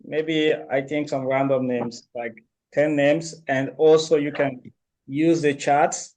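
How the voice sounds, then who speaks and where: A man hosting an online video meeting, speaking slowly with many pauses and fillers. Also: a little high, flat delivery, darkish tone, poor audio. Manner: slow, halting, many fillers. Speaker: meeting host.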